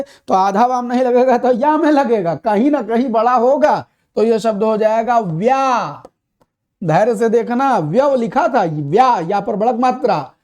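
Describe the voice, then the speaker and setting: High-voiced, emphatic male Hindi teacher. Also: a little mellow. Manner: emphatic, repeats key words, asks rhetorical questions. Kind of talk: exam-prep lesson.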